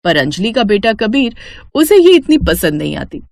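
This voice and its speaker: Female narrator, lively storytelling, dry close mic. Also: medium pitch, normal speed, vocal fry, dry recording. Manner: expressive, storytelling.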